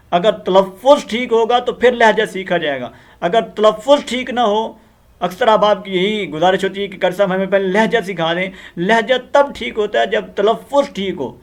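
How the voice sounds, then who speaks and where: High-voiced man teaching Quran recitation. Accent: Pakistani Urdu. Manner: earnest, repetitive teaching explanations with frequent fillers. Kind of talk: spoken Quran lesson with channel appeals.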